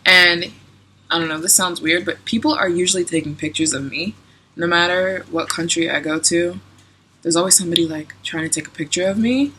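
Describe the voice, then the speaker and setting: A woman's voice: on the low side, fairly quick, bright, forceful tone, a little hiss or hum. A woman in her twenties answering viewer questions in a chatty, giggly travel vlog, with lots of "like" and "um". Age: 20s. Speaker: travel vlogger. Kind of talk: casual Q&A vlog.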